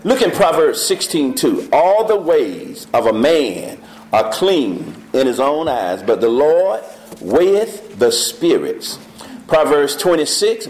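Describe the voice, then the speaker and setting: A man teaching a Bible study class, reading scripture slowly and questioning the class. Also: on the high side, a little mellow. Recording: echoey church room.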